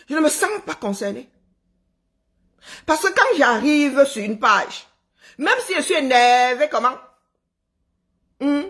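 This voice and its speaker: Still scolding her live-stream audience sarcastically, the woman from Cameroon speaks in a slightly high, fairly bright voice. The social media commentator calls that voice unpleasant herself.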